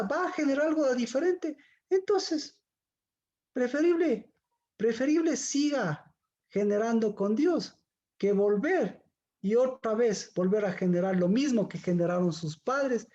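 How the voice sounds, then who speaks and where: A woman's voice: a little high, measured pace, warm tone, dull audio. A woman giving a Bible teaching, firing rhetorical questions at her listeners.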